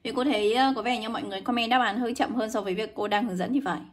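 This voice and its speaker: A young woman teaching English in a live online lesson, brisk and coaxing, greeting viewers by name. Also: fairly high pitch, steady tone. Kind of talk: livestream lesson.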